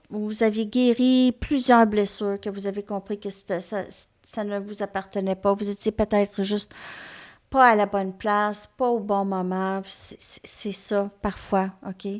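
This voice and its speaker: A woman gives a tarot reading to her viewers, gently reassuring them and often checking in with them. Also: mid-range voice. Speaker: tarot reader.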